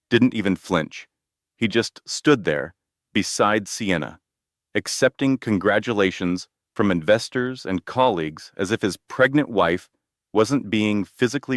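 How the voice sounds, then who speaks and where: Low-voiced man narrating a drama. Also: lively intonation, dry recording, studio quality. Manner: measured, dramatic.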